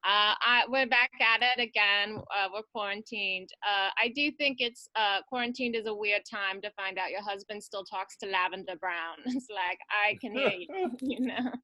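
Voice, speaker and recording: A comedian playing a blunt, irreverent grown-up witch, talking in a crude deadpan way. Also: mid-range voice, moderate pace, few pauses, dry recording, natural voice, low-quality recording. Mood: wry. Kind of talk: cosplay stand-up character bit.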